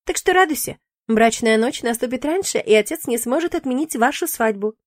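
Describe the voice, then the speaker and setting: A woman's voice: fairly high pitch, animated, fairly quick, dry recording, studio quality, voice pushed up, natural voice. A woman voicing a playful, teasing young male demon in an audiobook, in a cheeky, bantering manner.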